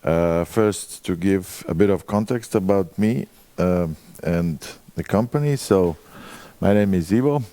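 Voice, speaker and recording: A man in his forties with a Croatian accent gives a conference presentation. His voice is deep and mellow, recorded close and dry. He talks through his material and puts quick questions to the listeners. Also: no room sound. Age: 40s. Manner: engages the audience with quick questions. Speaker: conference speaker.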